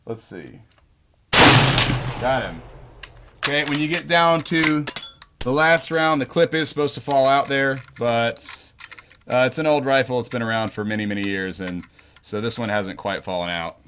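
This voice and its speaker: A man's voice: mid-range voice, normal speed, pauses often, pushed and bright, slight background noise. A man hosting a casual demonstration video at an outdoor shooting range, joking in a laid-back way with frequent ums. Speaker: video host.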